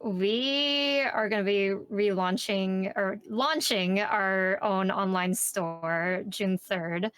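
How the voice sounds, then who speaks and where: A woman's voice: mid-range voice, takes it slowly, hardly any pauses, fairly bright tone, clean tone, dry recording. A woman chatting upbeat about her art and plans, with many fillers. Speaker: artist in a group drawing stream. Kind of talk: casual chat.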